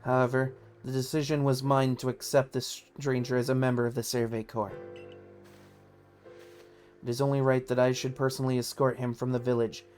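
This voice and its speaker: A streamer voicing a stern commanding officer of a survey corps, reading game dialogue aloud in a lowered, formal voice. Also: little pitch movement, moderate pace, darkish tone, faint music behind, close to an everyday voice. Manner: formal and grave.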